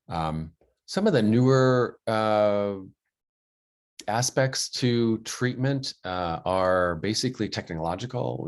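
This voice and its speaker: A male psychology lecturer giving an unscripted video lecture, halting with many ums and restarts, his voice dropping quietly at the ends of phrases. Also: deep voice.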